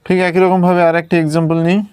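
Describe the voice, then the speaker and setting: A man's voice: sits high, little pitch movement, rapid-fire, a little mellow, clean tone, dry recording, clean studio sound. A man teaching English pronunciation, patiently spelling out each sound step by step and checking that his students follow. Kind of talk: slow step-by-step lesson at a writing board.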